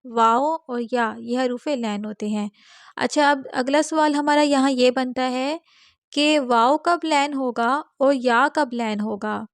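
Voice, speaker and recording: A woman teaching Quran reading, explaining patiently and spelling out each letter slowly, repeating every drill twice. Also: high-pitched, dry recording, clean studio sound. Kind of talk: step-by-step recitation lesson.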